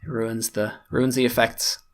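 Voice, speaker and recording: A man's voice: mid-range voice, little pitch movement, a little slow, a little hiss or hum. A man giving casual, chatty let's-play commentary on a strategy game, thinking aloud and making fun of himself. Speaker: gaming YouTuber.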